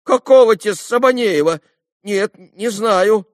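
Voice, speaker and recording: A man voicing an agitated, dim-witted young clerk who keeps shouting the same words, in a storybook reading. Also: sits high, no room sound, clean studio sound, voice pushed up. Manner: shouting, repetitive, slow-witted.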